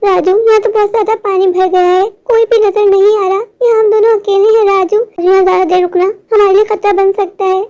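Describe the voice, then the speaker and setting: A performer voicing an anxious, cautious little girl in an animated cartoon, talking in a pleading, fretful way. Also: very high voice, a little fast, few pauses. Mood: frightened.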